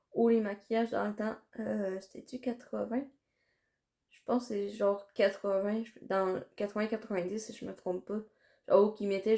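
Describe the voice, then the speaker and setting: A woman's voice: mid-range voice, warm tone. A woman with a Quebec French accent chatting casually through a makeup tutorial, rambling and hesitant with many fillers. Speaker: makeup vlogger.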